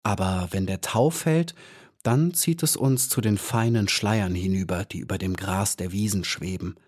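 A man reading an audiobook and voicing a wise male flower elf who speaks calmly and earnestly. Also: fairly low pitch, moderate pace, husky. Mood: serene. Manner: calm and earnest.

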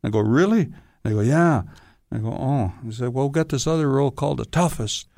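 A man's voice: mid-range voice, quick pace, vocal fry, no room sound, clean studio sound. A man, an actor and stuntman, telling stories in a casual interview and acting out the voices of the people in them. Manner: animated storyteller acting out quoted voices.

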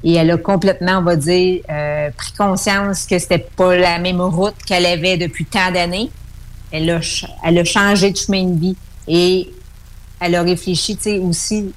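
A woman's voice: fairly low pitch, fairly even intonation, moderate pace, rough recording. A woman with a Québécois accent, calling in over the phone as a radio guest and explaining at length with fillers and restarts. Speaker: numerology guest.

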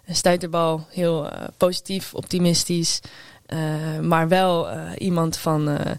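Een vrouwelijke popartiest die als gast in een podcast levendig en met veel stopwoordjes over haar muziek vertelt. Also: female voice, low voice, measured pace, creaky, no room sound. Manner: energetic, chatty, many fillers. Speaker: guest musician. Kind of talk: podcast interview. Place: studio at a table.

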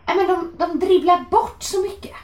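A woman in her thirties chatting casually, lively and animated as she tells stories. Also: extremely high pitch. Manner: lively, animated storyteller who acts out shouting. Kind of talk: casual chat. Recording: echoey room.

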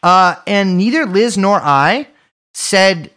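Guy cohosting a podcast from his bedroom, rambly deadpan jokes, really animated voice. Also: sits high, slow pace. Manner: rambling, jokey, deadpan absurd bits. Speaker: podcast co-host. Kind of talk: casual chat. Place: bedroom at home.

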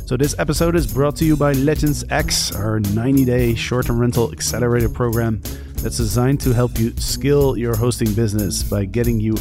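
A man hosting a podcast in a warm announcer manner, with a low late-night DJ sound to his voice. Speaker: podcast host. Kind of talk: podcast intro and casual co-hosted chat.

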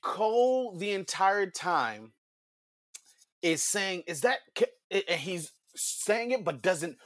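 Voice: medium pitch, sing-song, slow, a bit bright, no room sound, studio quality. A podcast co-host breaking down a wrestling segment step by step in casual chat. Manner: explanatory, builds points step by step.

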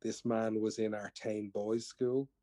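A man's voice: lowish voice, level tone, measured pace, mellow, no room sound, studio quality. A middle-aged Irish man, a storyteller, chatting casually in a reflective, anecdotal way. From Ireland. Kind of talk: casual conversational storytelling and explaining.

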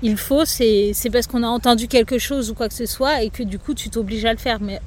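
A woman's voice: fairly high pitch, steady tone, brisk, a little hiss or hum. A woman, a yoga teacher, talking as a guest in a casual podcast interview, loose and chatty with lots of fillers.

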